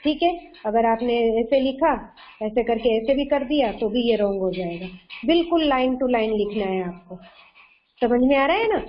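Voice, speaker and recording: A woman teaching a kindergarten class online, slow and patient, often repeating herself and quizzing the children. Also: a little high, expressive, lo-fi sound, a little hiss or hum. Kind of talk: online kindergarten Hindi lesson.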